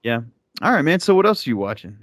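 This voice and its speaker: A man's voice: on the high side, big pitch swings, fast talker, no echo, studio quality. A man hosting a podcast, chatting casually about movies in a rambling way with lots of fillers. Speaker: podcast host.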